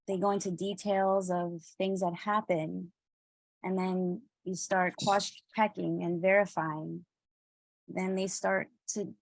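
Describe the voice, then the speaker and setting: A woman lecturer talking through a recorded lesson, slow and deliberate with pauses and restarts. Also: mid-range voice, no echo, rough recording.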